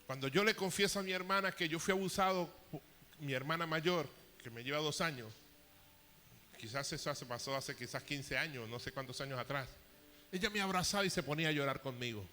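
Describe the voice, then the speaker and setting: Man, 50s, pastor, emotional sermon, bright tone, long reverb. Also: a little high, a little fast, a little hiss or hum. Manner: emotional, storytelling with rising intensity. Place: church hall.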